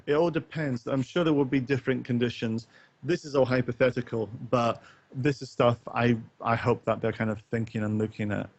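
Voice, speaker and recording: A podcast co-host and streamer chats casually with live viewers, rambling and hesitant with a wry edge. His medium-pitched voice has a darkish tone, and the lo-fi voice-chat audio is dull, close and echo-free.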